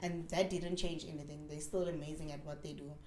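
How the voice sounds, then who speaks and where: A South African woman in her twenties, a dancer, speaks briskly in a low voice as a guest in a casual interview. She tells stories candidly and animatedly, peppering her speech with "like" and "man." The room sounds echoey, with slight background noise.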